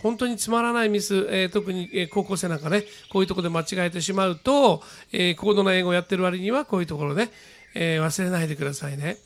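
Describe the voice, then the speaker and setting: Male English teacher, Japanese accent, high gravelly voice, patient radio-style lesson. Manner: explains patiently, slow deliberate model readings.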